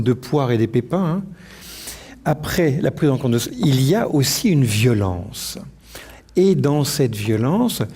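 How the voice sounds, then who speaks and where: Guy on a conference panel, mellow warm voice, thinking out loud, lots of restarts. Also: medium pitch. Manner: reflective, thinking aloud with many restarts. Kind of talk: academic panel discussion.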